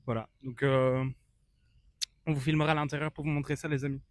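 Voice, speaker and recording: Here a man with a medium-pitched voice and flat delivery speaks a little fast in a dry recording. Chatting casually as a vlogger, he gives his views in an informal, mock-earnest tone, with faint guitar music underneath.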